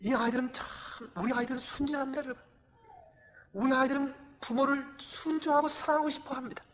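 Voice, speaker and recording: A middle-aged man preaching as a pastor, animated, swinging from loud exclamations to hushed confession. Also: very high voice, quick pace. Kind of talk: emotional sermon with acted anecdotes. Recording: long hall reverb.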